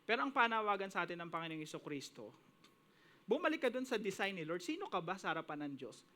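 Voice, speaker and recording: A male pastor preaching a sermon, mixing in English phrases and reading scripture slowly with emphasis. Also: high-pitched, very animated, sharp tone. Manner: switches between Tagalog and English, quoting scripture with emphasis.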